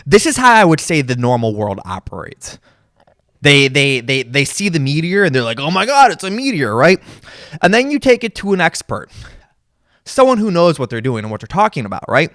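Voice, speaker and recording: A man's voice: mid-range voice, big pitch swings, moderate pace, a bit bright, dry recording, studio quality. A man talking casually about music and his body while adjusting his guitar gear, repeating words and tagging "right?" onto his points. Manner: rambling, repeats words, says "right?" often. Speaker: musician and content creator. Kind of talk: casual monologue.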